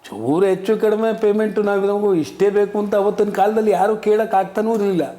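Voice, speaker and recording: A man's voice: high-pitched, fairly even intonation, fairly quick, warm tone. A man in his sixties, an interview guest and comic actor, telling his story in an earnest, reflective way. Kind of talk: casual interview talk.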